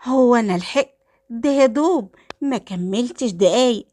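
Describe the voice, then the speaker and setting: A woman's voice: medium pitch, brisk, no echo, close to an everyday voice. A woman voicing a fussy middle-aged mother with an Egyptian accent, sweet-talking and watchful. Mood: suspicious. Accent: Egyptian Arabic. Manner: sweet-talking, then suspicious.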